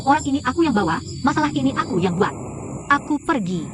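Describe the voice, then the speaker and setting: A woman voicing a calm, self-assured young chef in a dubbed drama. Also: high-pitched, fast, background noise. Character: proud young female chef, calm and firm.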